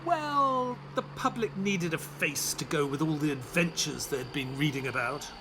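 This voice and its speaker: An actor playing Dr. Watson, an earnest gentleman companion narrating a detective audio drama with measured storytelling. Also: a little high, lively intonation, background noise. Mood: concerned, questioning.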